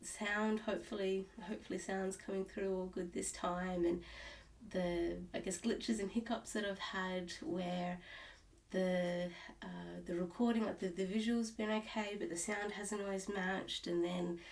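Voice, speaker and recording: An Australian woman chats to camera at home about cross-stitch, rambling casually with plenty of restarts and fillers. Recovering from illness, she sounds nasal and stuffed up; her medium-pitched voice is fairly even, a little slow, darkish, and distant from the mic.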